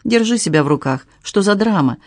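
A man's voice: sits high, brisk, dry recording, pitched above the performer's own voice. A man voicing a strict, cold middle-aged stepmother who speaks evenly and dryly. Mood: cold, stern. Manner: level, dry, coldly calm.

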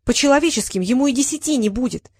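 A squeaky tattling little creature, as a reader does her. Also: animated, fast, no room sound. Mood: indignant. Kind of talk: audiobook character reading.

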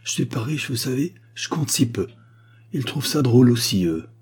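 A man's voice: mid-range voice, expressive, normal speed, a little mellow, slightly rough, pitched above the performer's own voice. A man voicing a shy, lonely young working man in a storybook reading, stammering and full of wonder.

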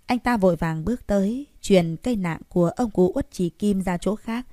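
A woman narrates an audiobook story in a steady, even manner. Her voice sits at a middle pitch. The recording is dry and close, with no room sound. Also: normal speed, no room sound.

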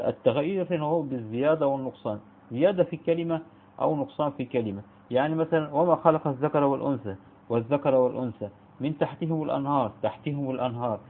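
An Egyptian man teaches a spoken lesson in a quick, gravelly voice. He keeps restarting words and answers his own questions. The sound is thin and narrow, as if it came down a phone line. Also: mid-range voice. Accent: Egyptian Arabic. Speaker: Islamic studies teacher. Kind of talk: spoken lecture.

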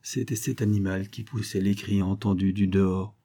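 A man narrates a literary text in measured phrases. His voice is low, dark and mellow, with a husky edge. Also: flat delivery. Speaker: audiobook narrator.

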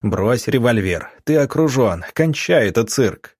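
A man voicing a resolute male doctor who barks orders in a husky voice. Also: mid-range voice, expressive, a little slow, darkish tone, no room sound, studio quality. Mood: urgent. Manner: barking orders.

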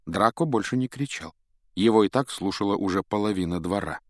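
A man narrating an audiobook in a measured, expressive storytelling manner. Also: on the low side, dry recording, studio quality. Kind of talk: scripted narration.

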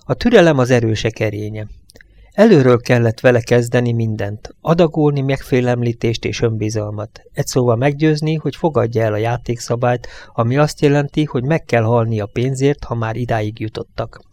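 A man narrating an audiobook in a measured, even storytelling manner. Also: mid-range voice. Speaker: audiobook reader.

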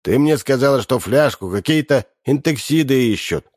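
A man reading an audiobook and voicing a gruff, henpecked middle-aged man. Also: mid-range voice, animated, normal speed, a little mellow, pitched above the performer's own voice, close to an everyday voice. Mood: grumbling. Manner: gruff, grumbling.

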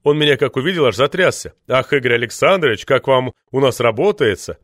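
A man reading an audiobook, voicing a brash stuntman actor who talks loudly and hammily. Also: mid-range voice, expressive, brisk, no room sound, clean studio sound, lightly acted. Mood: mocking. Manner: loud and hammy.

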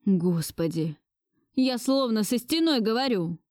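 A defiant young man, bitter and resolute, voiced by a woman in an audiobook. Her voice stays fairly high and plain, recorded close and dry. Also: expressive, a little slow, a little mellow, dry recording. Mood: enraged. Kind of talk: audiobook dialogue reading.

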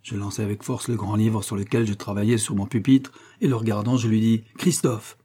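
A man reading a classic story aloud as audiobook narration, in a steady storytelling manner. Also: fairly low pitch, fairly quick, breathy edge. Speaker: audiobook reader.

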